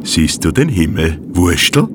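A man voicing an old, sly female steam locomotive with a low, booming, unhurried voice. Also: very animated, noisy background. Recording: music playing under the voice.

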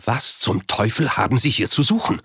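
A man's voice: mid-range voice, big pitch swings, a little fast, gravelly, a bit bright, slightly rough, no room sound, clean studio sound, exaggerated voice. A man doing a panicky aging tycoon. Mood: panicked. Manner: raised, agitated and clipped.

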